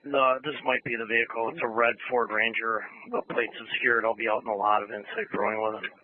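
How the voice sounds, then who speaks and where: A man's voice: mid-range voice, flat delivery, brisk. A man who is a police officer, talking in terse, clipped codes over a police radio transmission. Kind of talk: radio dispatch traffic. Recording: narrow, noisy police radio.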